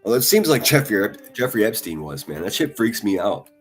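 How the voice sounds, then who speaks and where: A man's voice: lowish voice, very animated, a little fast, faint music behind. A man on a casual live stream reading viewer comments, blunt and profane, talking passionately and often restarting his sentences. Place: at a desk in front of a laptop.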